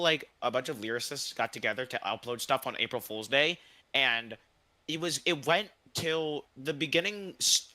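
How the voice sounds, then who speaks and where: A young man chatting casually in a group, excitable and slangy. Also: mid-range voice. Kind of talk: casual group commentary chat. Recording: faint music behind voice. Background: music.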